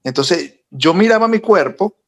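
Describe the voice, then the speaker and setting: A fairly high-voiced young man telling a story on a podcast. His telling is animated and gets more intense as it goes, always casual and personal. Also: measured pace. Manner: animated, recounting with rising intensity. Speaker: podcast co-host.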